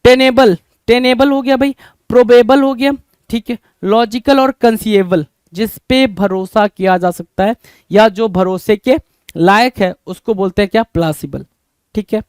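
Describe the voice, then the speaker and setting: Brief: male vocabulary teacher, smooth and resonant, keeps repeating questions to the class. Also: sits high, unhurried, dry recording. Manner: repeats each question back to students, calls them "bhai". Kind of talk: exam-prep vocabulary lesson.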